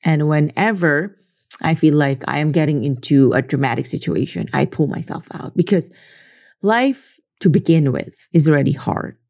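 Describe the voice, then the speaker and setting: A social media creator from the Philippines delivers a casual, reflective monologue in earnest, often checking in with "right?" and leaning on "you know." Her voice is deep, gravelly and a little mellow, at a normal speed.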